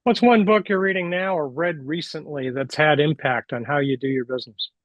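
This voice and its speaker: A man's voice: fairly high pitch, a little fast, a bit bright. A man hosting a business podcast, asking questions and giving short affirming replies over a video call. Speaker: podcast host, business coach. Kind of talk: interview questions and encouragement. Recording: muffled lo-fi audio.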